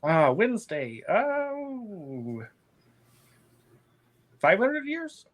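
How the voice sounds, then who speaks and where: Guy doing a very old cave vampire lady, slow n curt, possessive, tabletop game voice. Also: high-pitched, wildly swooping pitch, voice pushed up, full character voice. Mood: bemused, dismissive. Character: ancient salt-crusted vampire woman living in a cave.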